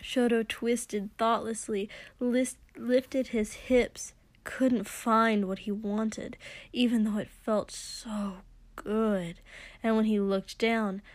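A woman narrating an intimate story in a slow, hushed, breathy way, sometimes dropping into a whisper. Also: on the high side, fairly even intonation, dry recording. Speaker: audiobook reader. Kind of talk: intimate fan fiction reading.

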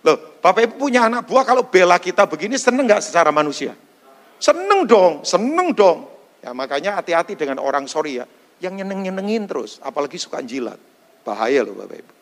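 Lively high-voiced man preaching in a hall. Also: fast. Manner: animated, mixes in English phrases, asks the congregation questions. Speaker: pastor. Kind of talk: sermon.

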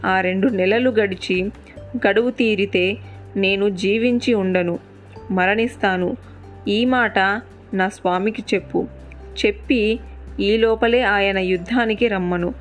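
A woman's voice: mid-range voice, slow pace, long pauses, soft background music, close to an everyday voice. A woman narrator voicing a grieving captive queen, devoted and resolute, in a sorrowful yet firm way.

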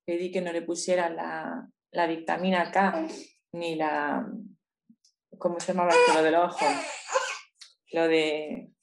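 A woman's voice: lowish voice, little pitch movement, a little slow, vocal fry, pauses often. Emotional Spanish woman recounting a story. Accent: Spain Spanish. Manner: intense, emotional retelling. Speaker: interview guest. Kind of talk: personal storytelling in a conversation.

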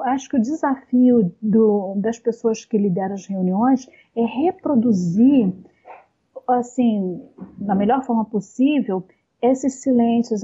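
Woman with a husky, muffled voice. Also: a little high, dark tone. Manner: explains at length with many fillers and pauses. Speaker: guest speaker on communication. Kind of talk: casual conversation.

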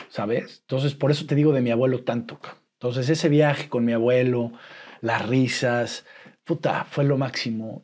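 A man with a Mexican Spanish accent, telling a personal story in casual, colloquial talk full of slang and restarts. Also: mid-range voice. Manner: colloquial, profane, animated storytelling with frequent restarts. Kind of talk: casual storytelling in a podcast chat.

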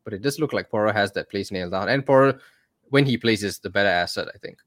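A man co-hosts a casual fantasy football podcast, chatty and exasperated, often calling his partner "mate". His voice is lowish and a bit bright, and he talks at a quick pace.

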